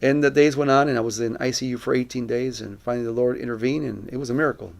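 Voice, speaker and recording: A fast-talking middle-aged missionary from Colombia delivers a personal testimony, earnest and reflective, with careful word choice. His ordinary-pitched male voice is very creaky and gravelly, and his intonation stays fairly even.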